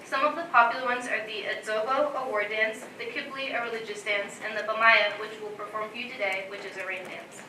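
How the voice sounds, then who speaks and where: Young woman reading her talk, super bright voice, echoey room far away. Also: a little high, fairly even intonation, brisk, hardly any pauses, slight background noise. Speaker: student presenter. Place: college event room. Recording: roomy echo, distant from mic.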